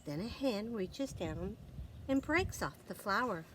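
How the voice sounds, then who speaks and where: A woman reads a children's story aloud in a lively, swooping voice. She takes her time, stretching phrases and pausing for dramatic effect. A little background noise sits behind her. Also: mid-range voice, low-quality recording. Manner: expressive, dramatic pauses, gasps and exclamations for effect. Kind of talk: animated read-aloud for young children.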